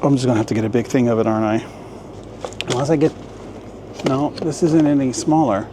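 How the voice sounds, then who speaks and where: Speaking fairly quickly in a mid-range, steady voice, a male travel vlogger jokes around playfully while filming on a handheld camera outdoors and inside shops. His narration is casual, and street noise can be heard in the recording.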